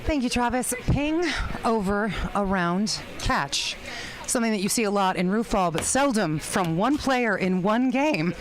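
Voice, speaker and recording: A woman's voice: mid-range voice, lively intonation, measured pace. Upbeat woman reporting from the sidelines. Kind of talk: live post-game interview. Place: outdoors at a sports event.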